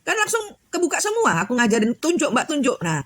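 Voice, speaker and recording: Fast and a bit bright, this woman's high voice swings hugely in pitch, with no echo in the recording. She works as a tarot reader and spiritual coach, and her casual spiritual chat rambles with many fillers and restarts.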